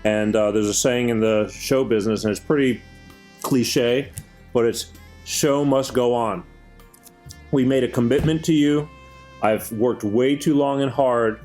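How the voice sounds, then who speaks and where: A man's voice: medium pitch, darkish tone. Guy hosting his show, earnest and rambly, lots of ums, faint music behind. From Greek heritage. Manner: rambling, earnest, halting with fillers. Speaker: show host. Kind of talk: casual chat show.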